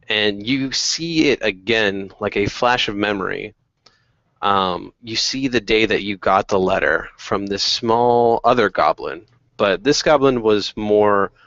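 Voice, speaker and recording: A young man narrates a tabletop game as game master, casual and unhurried with plenty of fillers. The sound is muffled and close, with no room echo. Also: lowish voice, a bit bright. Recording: dull dry lo-fi recording.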